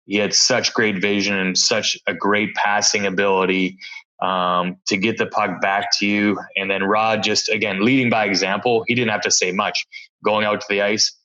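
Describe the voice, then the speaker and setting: A man's voice: on the low side, flat delivery, moderate pace, sharp tone, highs cut off. A man in his forties, a former pro hockey player, telling easygoing anecdotes as a podcast guest. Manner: easygoing, reminiscing, chuckles between stories. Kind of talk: relaxed anecdotal interview storytelling.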